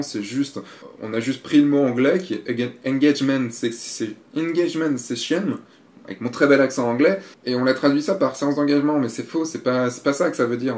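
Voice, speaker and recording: A man's voice: mid-range voice, roomy sound. A man giving a frank, casual critique of a photographer's website, blunt and given to swearing.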